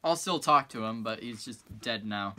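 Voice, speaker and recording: A man's voice: fairly low pitch, lively intonation, moderate pace, bright, forceful tone. A teenage boy hosting a casual challenge video in a small basement, talking into a handheld phone camera and rambling with frequent restarts. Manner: rambling, laughing, restarts often. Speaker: challenge host. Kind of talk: casual group challenge vlog.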